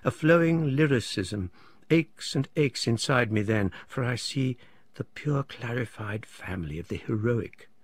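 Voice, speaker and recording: A man's voice: medium pitch, animated, measured pace, slightly rough, dry recording. A man reading a fervent artist lamenting. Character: theatrical male artist, grandly lamenting.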